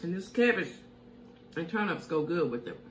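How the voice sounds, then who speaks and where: A middle-aged woman with a lowish, lively voice talks at a normal pace, chatting casually and humming over her food as she hosts a mukbang-style home cooking show. She's indoors in her home kitchen, and the recording sounds echoey with a faint hiss.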